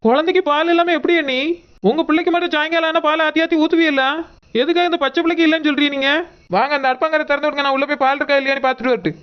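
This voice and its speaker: A woman's voice: high voice, fairly even intonation, highs cut off, natural voice. A woman playing a fiery young college girl. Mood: angry. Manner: angry, confrontational, fast. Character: defiant college girl defending her sister. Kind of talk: amateur family drama acting.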